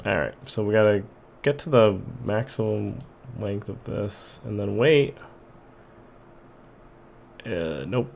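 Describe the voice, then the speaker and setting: A man's voice: on the low side, animated, takes it slowly, gravelly, pauses often, a little mellow, a little hiss or hum. A man hosting a let's play, casually commenting and reading the game's text aloud with a chuckle. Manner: reads on-screen text aloud, chuckles, hums along. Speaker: gaming channel host.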